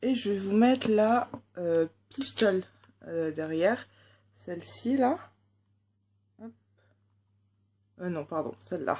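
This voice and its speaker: A woman's voice: mid-range voice, expressive, slow pace, pauses often, a little mellow. A young woman with a French accent reviewing a makeup palette in a casual, hesitant way, full of fillers. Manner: chatty, hesitant, many fillers. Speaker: beauty vlogger.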